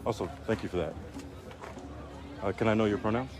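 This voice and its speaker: A man's voice: fairly low pitch, brisk, noisy background. A man live-streaming outdoors on a city street at night, chatting casually in a rambling, joking way with plenty of fillers. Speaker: livestreamer.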